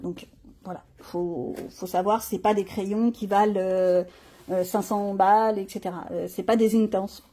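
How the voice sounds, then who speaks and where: Woman, middle-aged, mellow breathy voice, chatty art supply vlog, thinks aloud, slangy asides. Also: mid-range voice, steady tone, a little slow. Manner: chatty, rambling, thinks aloud while demonstrating. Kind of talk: casual show-and-tell chat.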